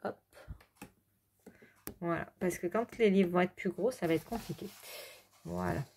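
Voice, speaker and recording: Mellow-voiced woman chatting casually. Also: lowish voice, unhurried, gravelly, a little hiss or hum. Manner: chatty, rambling, many fillers and self-corrections. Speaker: adult coloring hobbyist. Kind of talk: casual show-and-tell.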